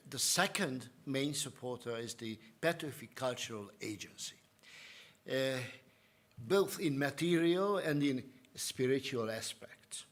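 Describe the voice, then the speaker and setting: Man, slow deliberate pace, ceremony host, hesitant introductions. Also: mid-range voice. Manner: introduces speakers with some hesitation. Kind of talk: hosting a ceremony.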